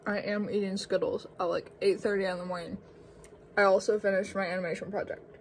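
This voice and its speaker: A woman's voice: mid-range voice, level tone, normal speed, slight background noise. A young woman chatting casually and jokingly to her viewers as a vlogger, swearing freely. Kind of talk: casual chat.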